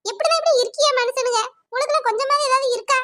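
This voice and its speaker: A woman voicing an angry young village woman, accusing and shrill. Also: quick pace, pushed and bright. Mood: indignant. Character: indignant young village woman, angry over her new scooter.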